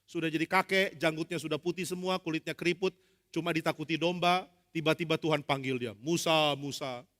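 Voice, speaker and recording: A male pastor preaching a lively sermon, acting out dialogue with humor. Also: on the high side, fast. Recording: long hall reverb.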